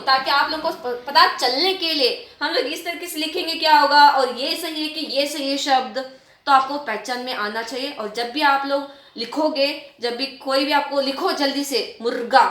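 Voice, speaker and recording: A woman teacher explaining a writing lesson to children, repeating and stretching out example words slowly. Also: high voice, a bit bright, reverberant. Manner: repetitive, drawn-out word demonstrations, addresses children often.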